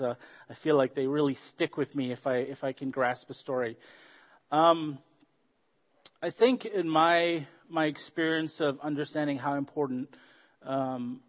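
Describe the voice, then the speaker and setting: A man from Zambia, giving a relaxed, anecdotal talk at a church workshop, with frequent ums and uhs. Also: a little high. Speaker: workshop speaker. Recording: dull lo-fi sound with long hall reverb.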